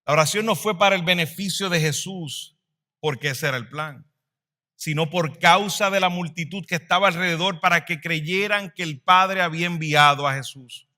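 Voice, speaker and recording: A man preaching a sermon as pastor, swelling louder and then dropping to a hush. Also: a little high, moderate pace.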